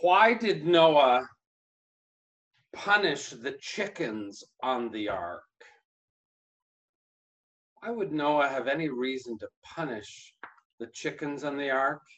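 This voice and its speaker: Middle-aged male pastor, unhurried and chatty, mid-pitched, casual online church message. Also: animated. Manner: gentle, chatty, with many fillers and pauses.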